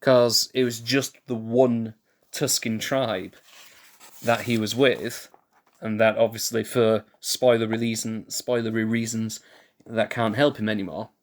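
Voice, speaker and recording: Live-streaming in casual chat, a man with a lowish, level voice speaks a little slowly. He muses in a laid-back way, thinking aloud, restarting sentences, correcting himself and chuckling at himself.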